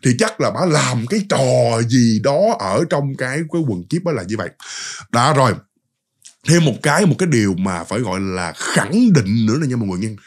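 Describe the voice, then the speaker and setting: A man's voice: mid-range voice, fairly quick. A man with a Southern Vietnamese accent casually retelling a ghost story, chatty and speaking straight to his listeners. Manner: animated, chatty, addresses listeners directly.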